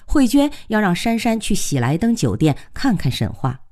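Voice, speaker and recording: A woman narrating a story in an expressive, measured way. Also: medium pitch.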